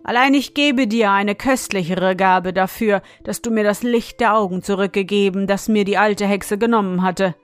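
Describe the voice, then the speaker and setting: A woman's voice: medium pitch, moderate pace, hardly any pauses, no room sound, soft background music, natural voice. A woman voicing a wise old man, grave and advising the boy. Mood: generous.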